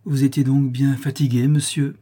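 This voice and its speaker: A man voicing Madeleine, a lively, teasing young woman, in a high, quick voice. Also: husky, lightly acted.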